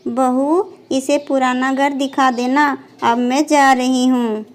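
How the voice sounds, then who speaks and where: A woman voicing a calm, indulgent elderly grandmother in a doll storybook who speaks slowly and reassuringly. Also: sits high. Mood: gentle.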